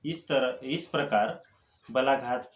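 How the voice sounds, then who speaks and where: A man giving a college Hindi lecture, explaining step by step in a deliberate way, with frequent pauses and fillers. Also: mid-range voice. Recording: echoey room with faint noise.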